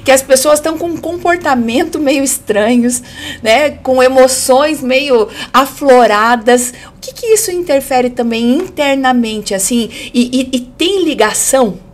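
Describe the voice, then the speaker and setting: A Brazilian woman hosting a podcast in a casual, effusive way, her voice slightly hoarse and giving out. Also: sits high, animated, unhurried. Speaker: podcast host.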